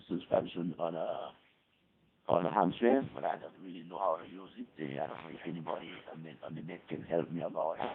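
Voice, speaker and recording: A man calling into an amateur radio net over a radio transmission with static and background noise, talking in a hesitant, halting way full of restarts. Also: sits low, vocal fry, breathy edge. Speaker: caller checking in to a radio net. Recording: tinny radio line with faint static.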